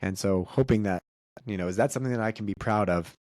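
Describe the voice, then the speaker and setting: A man in his thirties co-hosting a family podcast, chatting in a loose, rambling way with many restarts. His voice sits a little low and sounds mellow and relaxed. The recording is dry and close. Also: quick pace, dry recording. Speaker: podcast co-host. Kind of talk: casual podcast chat.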